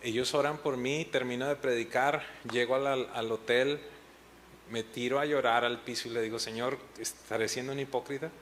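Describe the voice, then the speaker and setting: A man's voice: mid-range voice, fairly even intonation, moderate pace, fairly bright tone, a little hiss or hum. A middle-aged man, a pastor, telling a personal story with feeling, sometimes retelling moments when he was in tears. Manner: earnest storytelling with emotional retellings. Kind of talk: testimony in a pastors' panel talk.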